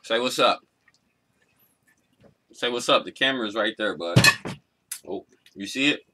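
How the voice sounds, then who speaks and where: Heavy background noise surrounds this lowish male voice, which runs a little slow. The speaker, a mukbang vlog host from Arkansas in the United States, chats playfully and casually in slang in a small room in his home.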